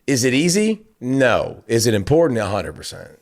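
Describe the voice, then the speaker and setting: A middle-aged man co-hosting a casual conversation, talking in a lively way, repeating words and acting out quotes. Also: mid-range voice, moderate pace, gravelly. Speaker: podcast co-host and dad.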